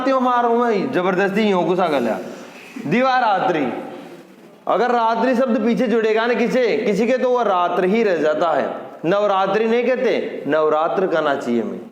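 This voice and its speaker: A man with a Rajasthani-tinged Hindi accent teaching a spelling lesson, emphatic and repeating words slowly to drill pronunciation while writing on a board. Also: sits high. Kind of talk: classroom-style spelling lesson. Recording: echoey room with long reverb.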